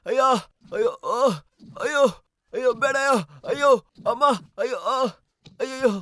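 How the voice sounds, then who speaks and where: A man's voice: extremely high pitch, steady tone, brisk, fairly bright tone, smooth. An actor dubbing a man who wails and pleads while he is beaten. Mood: pleading. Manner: wailing, pleading.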